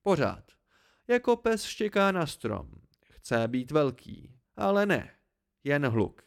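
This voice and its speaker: A man's voice: on the high side, creaky. A man voicing a terse foreign warrior. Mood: flat. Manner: halting broken speech, even.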